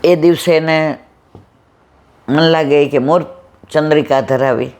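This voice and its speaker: A satsang speaker, telling devotional stories and repeating phrases that trail off low and soft. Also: steady tone, unhurried, dull audio. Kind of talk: devotional storytelling talk.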